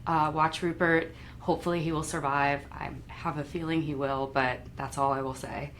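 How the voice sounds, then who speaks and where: A woman's voice: low-pitched, flat delivery, normal speed, a bit bright, a little hiss or hum. A woman hosting a live interview, asking questions in a friendly, giggly way. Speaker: interviewer host.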